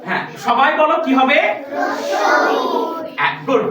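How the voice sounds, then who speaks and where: In a benched classroom, heard through a distant mic in a very echoey, very noisy room, a high, animated voice takes its time. The teacher patiently drills children on pronunciation for recitation, repeating the same questions over and over.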